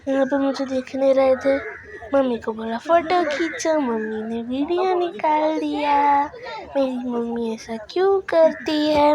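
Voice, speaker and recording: A woman's voice: high voice, a little mellow. A woman narrating her own vlog in a chatty, self-mocking way. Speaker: vlogger. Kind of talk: casual vlog voice-over.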